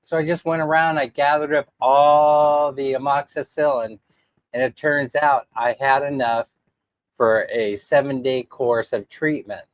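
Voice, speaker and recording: A man's voice: medium pitch, fairly even intonation, a little slow, no room sound, highs cut off. A man hosting a casual livestream in a throaty, congested voice, sounding sick with a sore throat, with a jokey, self-deprecating way of talking. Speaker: livestream host.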